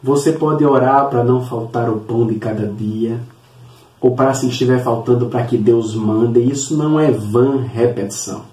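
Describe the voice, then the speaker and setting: A man teaching a Sunday school Bible lesson, earnest and repetitive, with halting fillers as he works through his points. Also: medium pitch, warm tone. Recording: echoey room, mic at a distance.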